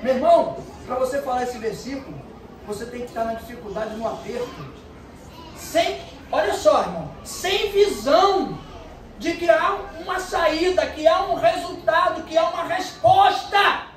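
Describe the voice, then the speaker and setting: A woman preacher, delivering an animated sermon full of storytelling and bursts of shouting. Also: sits high, normal speed. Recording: echoey distant room sound with faint noise.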